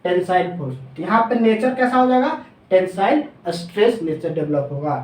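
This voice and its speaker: A man teaching engineering in a classroom lecture. He asks questions and answers them himself, drops lower on the answers, and slows down when dictating formulas. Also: sing-song, far from the mic. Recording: echoey room, voice off-mic.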